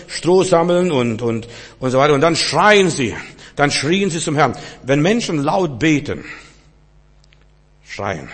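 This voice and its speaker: A husky-voiced man preaches a sermon, pressing his points and then dropping to a hushed tone. His voice rings out with the long reverb of a large hall. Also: medium pitch. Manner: emphatic, swings between loud and hushed.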